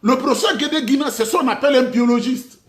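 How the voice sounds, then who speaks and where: Very high-pitched and quick, with a fairly bright tone, this middle-aged Ivorian man speaks with an Ivorian French accent. A political commentator, he mocks and asks rhetorical questions in a monologue with sudden outbursts, captured in an echoey room.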